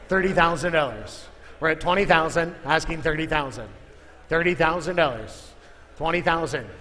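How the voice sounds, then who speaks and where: In a large indoor auction room, a male auctioneer calls live bids in a repetitive chant of numbers, repeating figures and asking for more. His voice is a little high and sharp, at a moderate pace. The echoey hall carries clear background noise.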